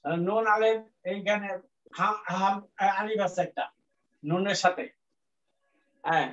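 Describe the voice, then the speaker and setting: Slow-talking male teacher, lo-fi sound. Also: high-pitched, sharp tone. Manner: slow, repetitive explaining with many fillers; mixes English terms into his teaching. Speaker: Arabic teacher. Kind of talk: classroom lecture. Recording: dull lo-fi sound.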